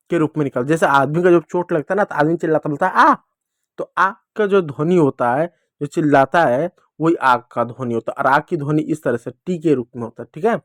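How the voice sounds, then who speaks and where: A male teacher giving a children's reading lesson, addressing the kids directly and drawing out each letter sound slowly, asking and answering his own questions. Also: on the high side, dry recording, clean studio sound. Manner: slow, drawn-out sounding of letters.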